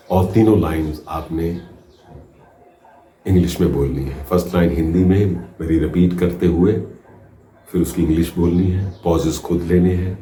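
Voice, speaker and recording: A man teaching a spoken English lesson, giving slow drawn-out prompts and counting out pauses. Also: low-pitched, warm tone, roomy sound.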